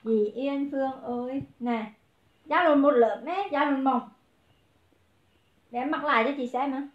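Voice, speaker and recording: A high-pitched woman runs a livestream clothing sale, rattling off prices and calling to her viewers. Her voice rings in a roomy space, and the sound is a little dull and muffled. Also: unhurried. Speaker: online clothing seller.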